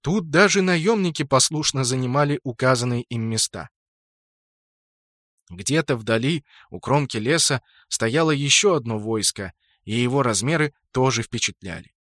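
A man reading a first-person fantasy audiobook in a steady, lightly ironic storytelling manner. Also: medium pitch, normal speed, dry recording, studio quality. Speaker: audiobook narrator.

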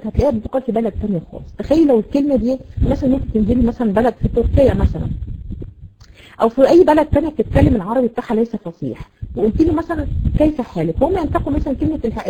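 A woman with an Egyptian Arabic accent teaching a Quran recitation lesson, explaining with many fillers and repeated questions to her students. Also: on the high side. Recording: dull lo-fi recording with noise.

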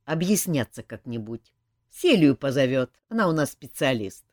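Lady reading as a tired gruff king, blunt and grumbly, voice jumps all over, dry sound. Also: medium pitch, big pitch swings, normal speed, darkish tone, dry recording, lightly acted. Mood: grumbling. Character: weary grumbling king, young man.

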